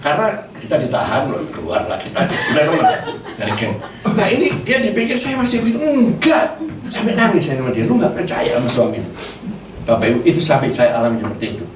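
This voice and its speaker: A middle-aged man preaches in a lively storytelling way, his rather high voice leaping up and down as he acts out the dialogue. He sounds distant from the mic in an echoey church hall with faint noise behind him. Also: fast. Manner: storytelling, animated, acts out dialogue, laughs often. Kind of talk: sermon with personal testimony.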